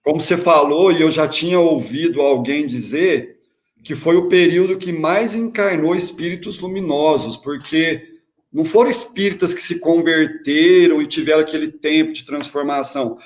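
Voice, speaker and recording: A man's voice: on the high side, moderate pace. Reflective man hosting with frequent "né". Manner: reflective, many tag questions. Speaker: host. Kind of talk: spiritist online talk.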